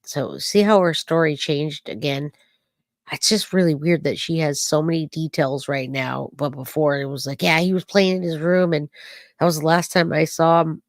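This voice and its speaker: In live-stream commentary to her chat, a low-pitched woman who streams true crime picks apart a clip at normal speed, doubtful and full of rhetorical questions. Her voice is slightly affected by dust and allergies, and the close, dry audio carries no room sound.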